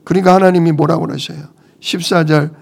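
A man's voice: a little high, fast talker, gravelly. A male pastor preaching a sermon. He explains scripture and keeps asking the congregation questions. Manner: animated, asks the congregation questions.

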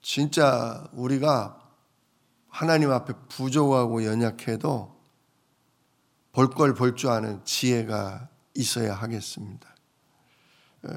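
A man preaching a sermon as a pastor, retelling a parable with lively storytelling and questions to the congregation. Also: mid-range voice, creaky.

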